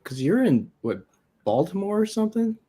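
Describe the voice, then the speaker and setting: A man chatting on a livestream as a guest, playful and quick to question. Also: sits high, big pitch swings, mellow, breathy edge. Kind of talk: casual livestream chat.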